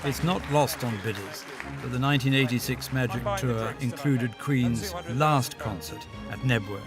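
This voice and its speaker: A man's voice: mid-range voice, normal speed. Male narrator over music and crowd. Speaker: documentary or news narrator.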